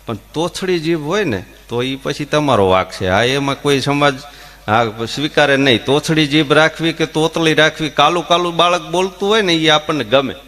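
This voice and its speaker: A man's voice: fairly high pitch, normal speed. A man telling folk comedy stories, acting out voices and stammers. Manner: animated, acts out voices and stammers in jokes. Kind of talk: Gujarati folk comedy storytelling.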